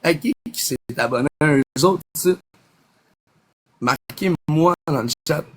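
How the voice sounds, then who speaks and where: A man's voice: fairly high pitch, a little slow. Chatty Québécois man on a live stream. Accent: Québécois French. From Quebec. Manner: chatty, thanks viewers by name, chants hype phrases. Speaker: livestream host. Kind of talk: casual livestream chat to viewers. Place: outdoors across from a busy boulevard. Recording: faint street noise behind.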